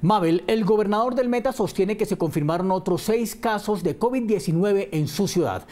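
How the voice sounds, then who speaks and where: A man's voice: high-pitched, normal speed, warm tone. A man reporting as a news correspondent, addressing the anchor in a plain, matter-of-fact way.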